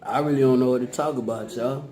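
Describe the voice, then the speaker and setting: A man's voice: mid-range voice, fairly even intonation, fast talker, warm tone, a little hiss or hum. A man chats casually and slangily to the camera, chewing while he talks. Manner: colloquial slangy talk. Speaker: vlogger and YouTube host. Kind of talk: casual mukbang chat to camera.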